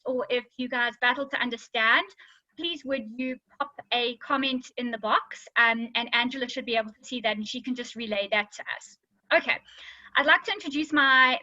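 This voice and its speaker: Bright-voiced woman lawyer. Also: on the high side, dry recording, highs cut off. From South Africa. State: slight slur from dental work. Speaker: lawyer presenting a webinar. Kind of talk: webinar presentation.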